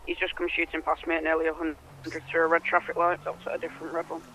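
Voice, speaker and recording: A man with a high-pitched, flat voice radios in as a police officer in a role-play. His delivery is procedural and halting, with faint siren and vehicle noise behind him. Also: creaky, poor audio.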